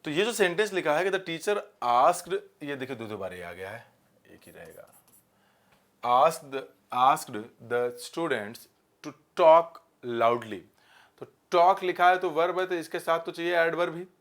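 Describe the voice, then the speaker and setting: A man's voice: fairly high pitch, big pitch swings, fairly bright tone. Hindi-speaking male grammar teacher. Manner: explains in Hindi mixed with English, reads examples slowly. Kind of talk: exam-prep grammar lesson.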